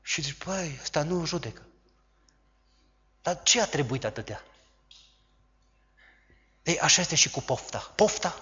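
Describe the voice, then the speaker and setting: A man preaching a sermon, who acts out quoted voices loudly and dramatically. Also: mid-range voice, dull audio. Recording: long hall reverb.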